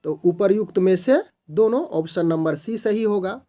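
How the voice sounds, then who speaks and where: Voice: medium pitch, moderate pace, warm tone. A tutor explaining multiple-choice grammar questions, patiently repeating definitions and sounding out single letters and syllables one at a time. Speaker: online tutor.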